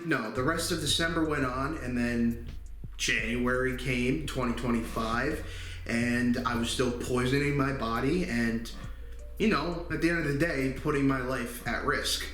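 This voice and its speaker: A man's voice: medium pitch, fairly bright tone. Candid young man in echoey room. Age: 20s. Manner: candid, halting, many fillers. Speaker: channel host. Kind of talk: personal confessional vlog.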